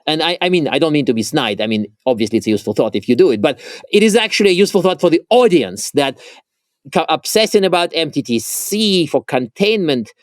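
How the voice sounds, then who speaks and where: Male co-host, slightly high and very expressive voice, dry close sound, chatty and self-interrupting. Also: dry recording. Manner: animated, self-interrupting, quick asides. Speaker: podcast co-host. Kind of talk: casual conversational chat.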